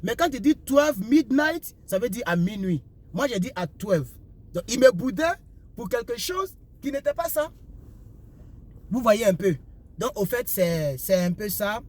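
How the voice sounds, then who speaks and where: A man's voice: high voice, lively intonation, a little slow. A young man from Ivory Coast with an Ivorian French accent, giving repetitive, preachy life advice in a casual talk while driving his car. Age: young adult. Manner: repetitive, preachy, asks "vous comprenez un peu?". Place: inside a car on the road. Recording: faint road and car noise.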